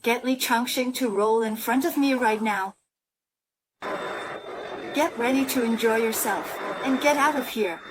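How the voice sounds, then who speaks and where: A woman's voice: a little high, measured pace, long pauses, slight background noise, natural voice, rough recording. A woman playing a spoiled young woman who scornfully bosses people around in a dubbed drama. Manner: haughty, commanding. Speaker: arrogant young woman, a boss's daughter.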